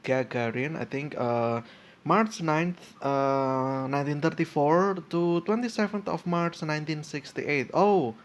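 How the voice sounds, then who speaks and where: A man's voice: fairly high pitch, unhurried. A man in his twenties hosting a casual solo podcast, reading from a page and reacting as he goes, with lots of fillers and restarts. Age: 20s. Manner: hesitant, full of fillers and restarts, thinking aloud. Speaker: podcast host.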